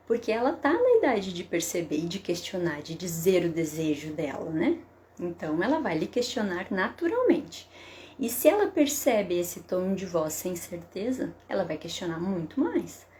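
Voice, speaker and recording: A woman psychotherapist giving parenting advice in a live stream, explaining calmly and often checking in with a tag question. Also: fairly low pitch, moderate pace, a little hiss or hum. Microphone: webcam or phone for a live stream.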